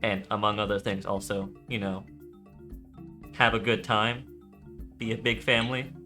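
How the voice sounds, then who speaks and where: Bright, forceful male player; rambling, excitable, self-interrupting. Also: fairly low pitch, normal speed, faint music behind. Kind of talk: casual chat while playing a tabletop game.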